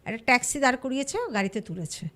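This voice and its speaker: A woman telling a true ghost story casually, lively and acting out the people she quotes. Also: a little high, fast. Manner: lively, acts out quoted voices. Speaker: storyteller guest.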